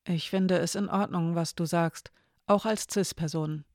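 A storyteller playing Zay, a careful, candid young person in a storybook, talking softly and weighing each phrase. The recording is close and dry. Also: medium pitch, fairly even intonation, unhurried, no echo, natural voice. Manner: careful, hesitant, soft.

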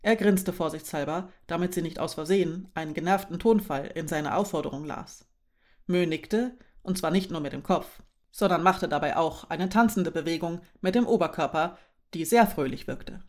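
Brief: calm female audiobook narrator, lowish voice, steady storytelling. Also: moderate pace. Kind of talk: scripted narration.

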